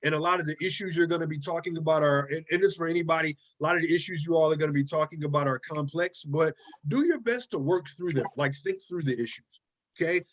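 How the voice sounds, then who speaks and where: A man with a somewhat high speaking voice teaches a college writing class over a video call from his desk. His delivery is loose and conversational, peppered with "okay?" and "right?" and with repeated words as he searches for the next phrase. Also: quick pace. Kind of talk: casual online class lecture.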